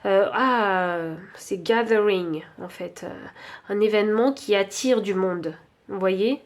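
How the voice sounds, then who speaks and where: A woman with a French accent giving an intuitive tarot reading, thinking aloud with many pauses and fillers. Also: medium pitch. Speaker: tarot card reader.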